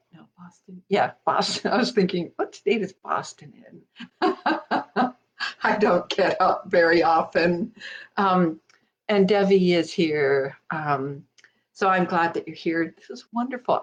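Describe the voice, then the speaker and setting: Chatty woman greeting live viewers. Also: lowish voice. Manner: chatty, warm greetings, many fillers. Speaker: host of a live stream. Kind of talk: casual chat greeting viewers. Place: home office at her desk.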